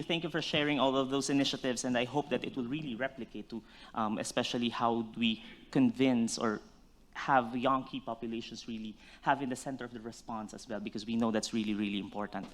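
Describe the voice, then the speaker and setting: A man moderates a conference panel, thanking the speakers and asking long, polite, somewhat rambling questions. His voice sits at an average pitch. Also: steady tone, fairly quick, fairly bright tone. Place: conference stage.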